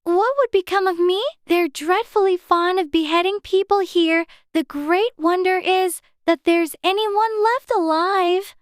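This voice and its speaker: Very high-pitched earnest little girl. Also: steady tone, measured pace, few pauses, no room sound, clean studio sound. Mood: worried, wondering. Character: polite, curious young girl in wonderland. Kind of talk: dramatized storybook character voice.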